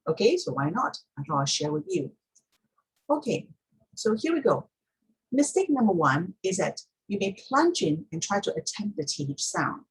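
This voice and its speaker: A woman's voice: mid-range voice, very animated, moderate pace, husky, poor audio. A woman teaching pronunciation step by step in an instructional talk, repeating key points for emphasis.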